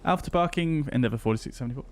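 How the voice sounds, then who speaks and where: A man's voice: mid-range voice, racing, a little hiss or hum. A man streaming a flight sim on a headset mic, chatting with viewers between pilot radio calls. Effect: livestream headset mic audio.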